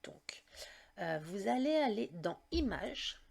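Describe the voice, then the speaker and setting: A woman's voice: medium pitch, very animated, takes it slowly, gravelly, a little mellow, slightly rough. A woman hosting a casual step-by-step craft tutorial, chatty and explaining each click as she goes. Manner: chatty, leans on "donc" and "d'accord?".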